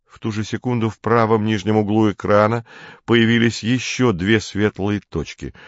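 Low-voiced man narrating a story. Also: fairly even intonation, moderate pace, no room sound, highs cut off. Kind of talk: audiobook narration.

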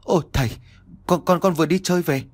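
A guilty young son stammers and falters before his father, as a male narrator plays him. The voice sits a little higher, with a husky texture. It belongs to a narrated audiobook tale. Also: lively intonation, brisk. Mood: frightened. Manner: stammering, hesitant.

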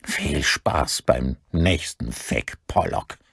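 A man voicing a cold, vengeful older man who speaks slowly and deliberately in an audiobook. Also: extremely low pitch, a bit bright, husky, no room sound, studio quality, exaggerated voice. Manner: slow, deliberate, icy.

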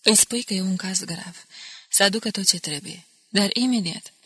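A woman's voice: mid-range voice, bright, forceful tone, slightly rough. A woman voicing a resolute young male soldier who takes command and gives firm orders.

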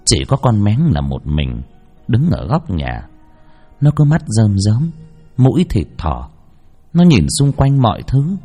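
A man narrating a ghost story, his husky voice swinging widely in pitch. He shifts between hushed and lively telling. Soft music plays under the narration. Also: slow pace.

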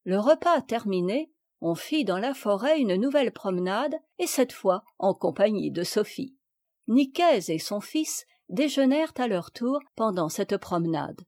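A woman reading a classic children's novel aloud in measured, clear scripted narration. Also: mid-range voice, darkish tone, dry recording, clean studio sound. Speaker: audiobook reader.

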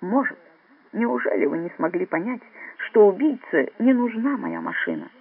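A man's voice: sits high, wildly swooping pitch, normal speed, creaky, dry recording, heavily acted. A man doing a weary, cutting spy. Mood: cold. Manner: cutting, contemptuous, tired. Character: weary, cold male professional agent. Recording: dry, phone-like narrow sound.

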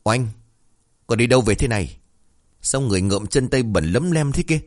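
A man's voice: lowish voice, expressive, moderate pace, a little mellow. A man voicing an anxious, deferential middle-aged mother in a read-aloud story. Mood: worried. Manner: pleading, deferential.

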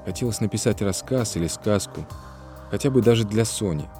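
A man reading an audiobook in a calm, even storytelling manner. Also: fairly low pitch, fairly quick, faint music behind. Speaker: audiobook reader. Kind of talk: scripted narration.

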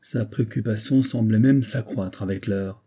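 A man narrating a first-person novel in a measured, steady storytelling manner. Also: on the low side, breathy edge. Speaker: audiobook narrator.

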